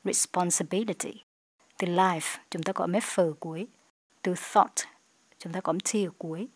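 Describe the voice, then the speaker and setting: A woman with a Vietnamese accent teaching an English lesson, explaining in Vietnamese and reading English example sentences slowly and clearly. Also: fairly low pitch, fairly even intonation, no room sound. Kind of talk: language lesson narration.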